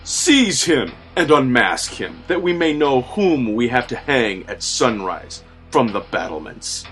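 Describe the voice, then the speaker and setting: A man plays a bold, imperious prince from a gothic horror storybook. His voice is hoarse and indignant, issuing slow, drawn-out commands with force. Music plays behind him. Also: medium pitch, big pitch swings, fairly bright tone. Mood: enraged, commanding. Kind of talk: dramatic storybook reading.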